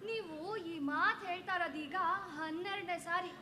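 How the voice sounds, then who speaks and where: The bitter spirit of a dead young wife, acted by a woman in a stage drama, reproachful and cutting. The voice sits very high and sounds bright. The recording rings with stage echo. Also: normal speed. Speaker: stage actor.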